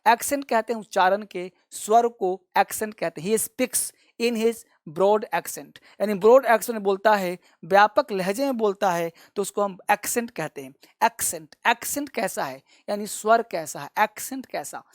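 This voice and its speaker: Here a man's fairly high voice moves at normal speed with hardly any pauses, in studio-quality sound free of room noise. In his classroom-style English vocabulary lesson, he repeats each word and has students echo it, calling viewers his children with affection.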